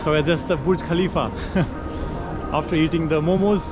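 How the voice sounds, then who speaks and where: A man's voice: a little high, fairly even intonation, moderate pace. A man in his thirties with a North Indian accent, casually vlogging in mixed English and Hindi on a handheld camera. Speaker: travel vlogger. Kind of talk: casual vlog chat mixing English and Hindi. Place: walking through malls, cafes and outdoor promenades. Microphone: handheld camera at arm's length. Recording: loud music behind, busy public places.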